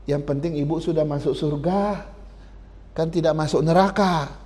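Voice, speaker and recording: A patient, gentle angel, as a preacher plays him, with a fairly high voice. He soothes and coaxes in a soft, kind way in a sermon illustration. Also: normal speed, close to an everyday voice. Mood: soothing. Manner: soothing, coaxing questions.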